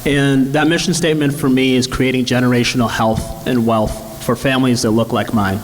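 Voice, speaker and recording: A man's voice: medium pitch, steady tone, moderate pace, soft background music. A man from Zambia, a startup founder, speaking earnestly and reflectively on a panel. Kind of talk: panel discussion answer. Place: event hall. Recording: reverberant hall with faint hiss.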